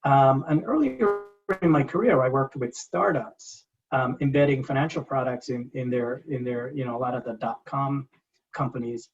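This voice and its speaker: A man's voice: medium pitch, normal speed. A man in his forties, from Guyana and raised in England, speaking as a podcast guest from his home office. He halts and repeats himself, with many fillers. The call audio is a little dull and lo-fi. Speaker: guest, entrepreneur.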